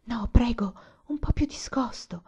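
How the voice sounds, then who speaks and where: A woman's voice: a little high, a little slow, mellow, husky, voice pushed up, exaggerated voice. A woman reading the lines of a shy, frightened young woman in love, often in a whisper. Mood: hushed.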